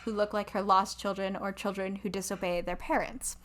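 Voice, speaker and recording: A young woman co-hosting a casual podcast chat, talking in a chatty way with lots of "like" and animated asides. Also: medium pitch, fairly quick. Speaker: podcast co-host.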